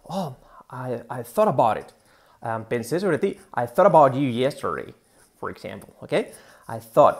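A man's voice: medium pitch, sing-song, a little slow, creaky. A man giving a casual video lesson on English pronunciation, explaining with many fillers and modelling English words. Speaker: English teacher.

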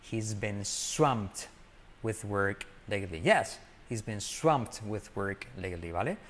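Lively Spanish-speaking English teacher, man. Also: fairly low pitch. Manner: repeats English phrases slowly and drills pronunciation; lively, jumps between loud and soft. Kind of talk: English lesson taught in Spanish.

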